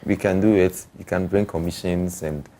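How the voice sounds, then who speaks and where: A man's voice: deep voice, steady tone, moderate pace, a loud crowd. A man, an artist talking casually and explaining things in an interview. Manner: explanatory, often checking the listener follows.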